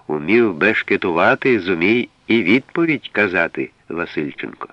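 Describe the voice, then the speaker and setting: A man giving a measured, explanatory scripted reading of a language usage guide, setting apart single words as he goes. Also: low-pitched, pushed and bright, no echo, muffled recording.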